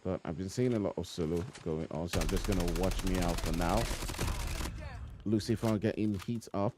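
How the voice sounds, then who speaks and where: Speaking at a moderate pace in a low voice, a man gives live play-by-play of a mobile shooter tournament as an esports caster. His long, rolling phrases are sprinkled with chatty asides for viewers. The recording is very noisy, with loud game gunfire and clicks behind his home streaming mic on the live stream.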